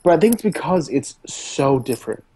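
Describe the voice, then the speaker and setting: A man co-hosting a video game podcast, chatting casually, hesitant and excitable, with many fillers. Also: fairly high pitch, brisk. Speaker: podcast co-host. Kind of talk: casual chat.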